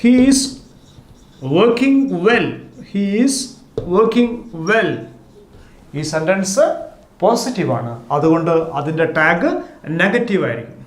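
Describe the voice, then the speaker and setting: Man, Kerala accent, English teacher, slow deliberate delivery, repeats examples, echoey room. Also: sits high, sing-song. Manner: slow, repeats each example, stresses the tags. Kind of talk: classroom grammar lesson.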